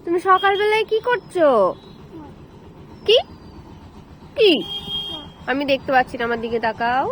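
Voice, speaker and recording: A woman's voice: extremely high pitch, big pitch swings, measured pace, long pauses, fairly bright tone, a little hiss or hum. A woman talking to her toddler at home, coaxing him in playful baby talk.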